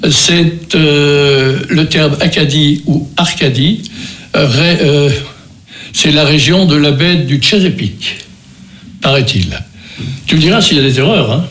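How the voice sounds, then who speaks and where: A man's voice: fairly high pitch, unhurried, fairly bright tone. An older man hosting a local radio music show, talking in a rambling way with many restarts and fillers, with a Beaujolais accent. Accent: French from Beaujolais. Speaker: radio host.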